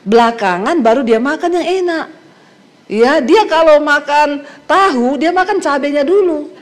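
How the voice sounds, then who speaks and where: A middle-aged woman pastor from Sulawesi preaches with a high voice. She tells comic stories to a congregation, acting out the quotes and laughing often. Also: a little hiss or hum. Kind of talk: humorous sermon.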